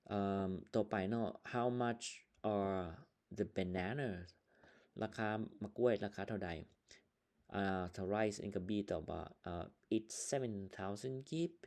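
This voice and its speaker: A male English teacher with a Lao accent, slowly explaining vocabulary and sample answers in a casual online lesson, with plenty of fillers. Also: on the low side, dark tone. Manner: slow, explaining words one by one with many fillers.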